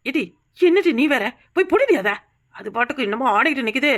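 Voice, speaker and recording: A woman's voice: high-pitched, sing-song, fairly quick. Woman voicing a mouthy young village woman. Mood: scared. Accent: Kanyakumari Tamil. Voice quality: sarcastic, mouthy. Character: young sharp-tongued village woman, irreverent. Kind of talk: village cartoon comedy.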